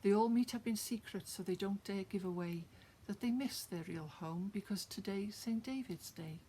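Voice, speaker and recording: A woman with a mid-range, dark, slightly rough voice speaks at normal speed in a Welsh accent. She comes from Wales and shares her own work as a poet, opening with casual, filler-heavy chat to viewers before reciting a rhymed poem of hers.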